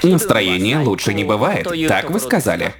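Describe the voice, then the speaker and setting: An actor voicing a calm, analytical male AI robot companion with a computer-processing, machine-like delivery in an anime dub, over loud music. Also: lowish voice, normal speed. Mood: dry. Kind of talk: anime voice dubbing.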